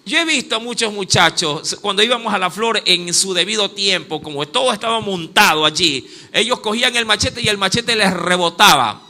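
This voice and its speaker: Man, coastal Ecuadorian accent, pastor, sermon, high-pitched, swooping animated delivery. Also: moderate pace, few pauses. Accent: Ecuadorian coastal (Guayaquil). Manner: animated preaching, addresses listeners as "mi amado"; acts out exclamations, stops to look up verses.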